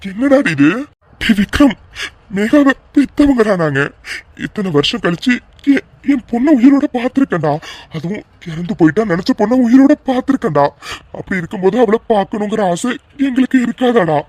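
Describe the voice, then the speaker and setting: A man's voice: high-pitched, expressive, a little fast, darkish tone, no room sound, voice pushed up. A man voicing a middle-aged father in a cartoon who earnestly pleads to see his lost daughter. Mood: earnest, emotional. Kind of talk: cartoon voice acting.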